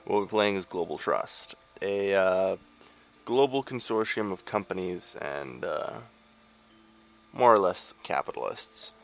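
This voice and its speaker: A young man with a low, creaky voice, animated yet a little slow, hosts a let's play and gives rambling, sarcastic commentary on the gameplay into a desk mic. His speech is full of filler words.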